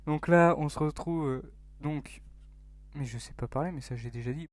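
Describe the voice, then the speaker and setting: A man's voice: fairly high pitch, moderate pace. A young man, commenting on a mobile battle royale game in a joking, self-mocking way, rambling with fillers and sometimes dropping to a near-whisper. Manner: drops to near-whispers in tense moments. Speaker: gaming YouTuber.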